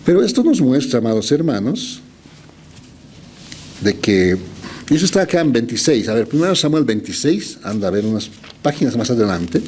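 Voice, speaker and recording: Man preaching with a lively, swinging voice. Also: mid-range voice, a little hiss or hum. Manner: retells scripture as a lively story, addresses listeners as brothers; slow deliberate scripture reading. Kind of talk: storytelling sermon.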